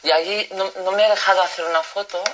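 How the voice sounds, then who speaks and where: A woman in her thirties or forties with a Spain Spanish accent, chatting live with viewers and often checking in with a quick question. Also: mid-range voice, fairly even intonation, a bit bright, slight background noise.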